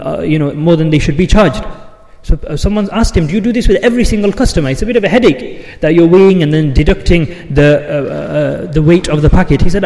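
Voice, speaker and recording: A man giving an impassioned Eid sermon, building to forceful rhetorical questions. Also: fairly high pitch. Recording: long hall reverb.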